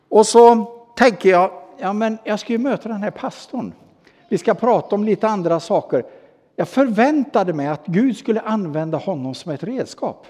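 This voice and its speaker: A man's voice: fairly high pitch, mellow. Swedish-speaking man preaching in a reverberant hall. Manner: personal anecdote told with hesitations and quoted dialogue. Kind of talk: sermon storytelling.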